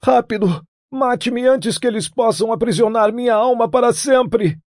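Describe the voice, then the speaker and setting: A tormented young king on his deathbed, his voice pushed very high into a strained wail. He pleads desperately and then orders with imperious urgency. The tone is dark and dry, with no room around it. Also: normal speed, no room sound. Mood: urgent. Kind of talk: audiobook character voice.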